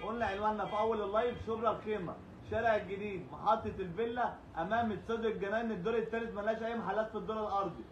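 A young Egyptian man works a live sales stream like a booming prize announcer. His high voice races along, hammering the same phrases over and over. The room is echoey. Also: steady tone, very fast, highs cut off. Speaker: live sales host in a homeware shop. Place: small shop, indoors. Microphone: phone camera a short way off. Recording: echoey room with faint noise.

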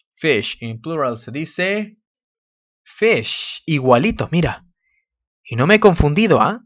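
A man, teaching an English lesson in a lively way and often checking in with his students. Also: medium pitch, dry recording. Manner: animated, repeats words, checks in with "¿ok?". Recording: dull, dry close recording.

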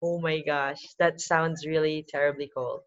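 Here a woman from the Philippines, in her forties, hosts a relaxed video-call webinar with frequent laughter. Her low voice barely moves in pitch, and her pace is unhurried. The sound, captured by a laptop webcam mic in a dim home room, comes through slightly muffled.

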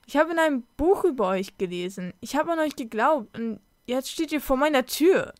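A woman's voice: high-pitched, expressive, moderate pace, no echo, studio quality, voice pushed up. A woman voicing a curious, stubborn young schoolgirl who speaks earnestly and pleads.

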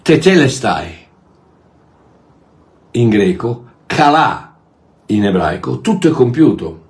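Emphatic man preaching a sermon. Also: mid-range voice. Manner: emphatic, with rhetorical questions; swings between loud bursts and quiet asides.

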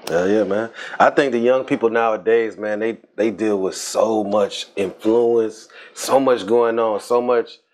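A man's voice: on the low side, fairly even intonation, measured pace, hardly any pauses, darkish tone. A man hosting an interview, laid-back and affirming, asking loose open questions. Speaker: interviewer host. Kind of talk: casual interview.

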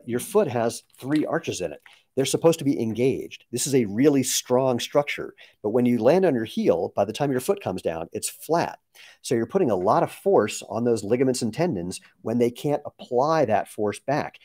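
A man's voice: mid-range voice, darkish tone, dry recording. A man in his sixties chatting casually on a live question-and-answer stream, explaining with asides. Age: 60s. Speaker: company founder answering viewer questions.

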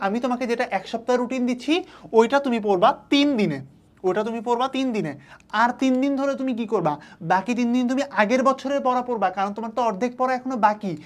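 Young woman tutor, coaxing study-advice talk at a brisk clip. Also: medium pitch. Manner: coaxing, asks and answers her own questions. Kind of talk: online study-advice lesson.

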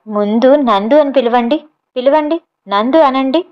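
A woman's voice: high voice, a little slow. A woman voicing a playful young woman officer who presses insistently for an answer, on a slightly dull recording.

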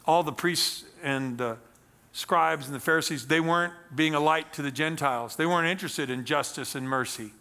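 A middle-aged man preaching on a church stage, reading scripture and explaining it with animated emphasis. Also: a little high, moderate pace, smooth. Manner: animated, gesturing, reads scripture aloud then explains. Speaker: pastor. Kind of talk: sermon.

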